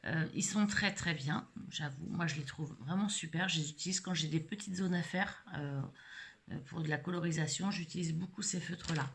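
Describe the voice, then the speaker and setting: Middle-aged woman vlogger, lowish gravelly voice, chatty and hesitant while showing a craft project. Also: moderate pace. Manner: rambling, many hesitations and fillers. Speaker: scrapbooking vlogger. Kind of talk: casual live craft demonstration.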